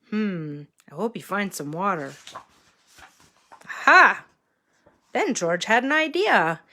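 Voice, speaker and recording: Animated, bright-voiced woman reading to a toddler. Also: on the high side. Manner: reading to a toddler, slow and expressive with questions to young listeners. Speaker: children's story reader. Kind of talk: animated picture-book read-aloud.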